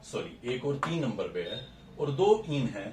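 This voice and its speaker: A man's voice: mid-range voice, very animated, measured pace, far from the mic, noisy background. A man teaching a recorded chemistry lesson, explaining step by step and counting carbons aloud while mixing English terms into Hindi. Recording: echoey room, voice a bit off-mic, faint ambience.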